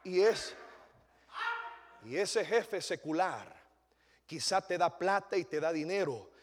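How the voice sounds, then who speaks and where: A man preaching from the pulpit in a very high voice. He swings from shouted peaks down to hushed, low passages. The church around him rings with a long reverb. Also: expressive, slow, slight background noise. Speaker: pastor. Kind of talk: sermon.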